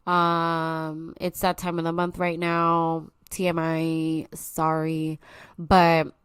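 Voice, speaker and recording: Her voice low, smooth, monotone, and slow, a young podcast host talks from home in a solo personal episode, confiding earnestly and directly to listeners. She's slightly congested from allergies, and the sound is dry and clean like a studio.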